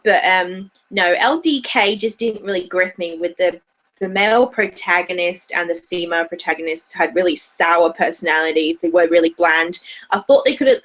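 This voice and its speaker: Co-hosting a livestream, a YouTube anime reviewer with a mixed British and Australian accent chats casually, rambling and restarting often. Her voice is on the low side and a bit bright, in a low-quality recording.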